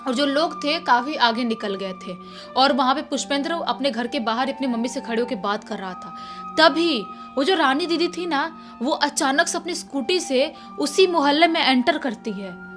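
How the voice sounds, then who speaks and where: A woman tells a horror story in a casual, chatty way, circling back over her words as she goes. Her voice sits high, and soft music plays faintly underneath. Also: moderate pace. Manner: chatty, repetitive, animated retelling. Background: faint background music.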